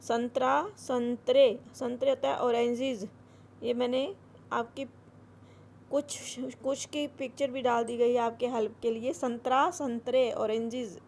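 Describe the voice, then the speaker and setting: Woman, Hindi teacher, high voice, gravelly, slow, repeats words, drills worksheet answers. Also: fairly even intonation, a little mellow, slight background noise. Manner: repeats words slowly, then drills them. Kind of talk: explaining a school grammar worksheet.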